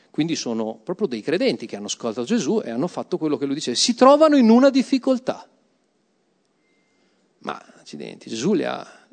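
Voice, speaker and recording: Brief: male preacher, emphatic, slightly high voice, church hall with long echo. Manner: emphatic, calls the congregation to repeat words. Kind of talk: sermon with Bible reading.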